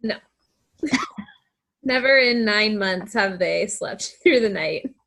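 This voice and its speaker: A woman on a team video call, a mother of twins, relaxed and laughing easily as she chats. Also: mid-range voice, slow pace, vocal fry. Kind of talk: casual video call chat.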